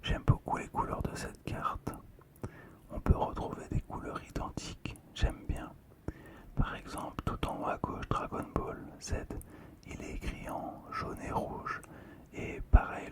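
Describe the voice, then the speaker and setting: Leaning close to a stereo mic, an ASMR creator describes a collectible card in a gentle, unhurried whisper with pauses along the way.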